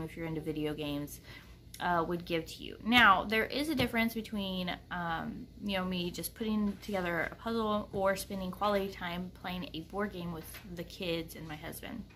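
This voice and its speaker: A woman's voice: lowish voice, a bit bright. Woman, thirties, home vlogger; loose chatty delivery, faint background hum. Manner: chatty, rambling, many fillers. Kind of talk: casual chat to camera. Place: kitchen at home, indoors.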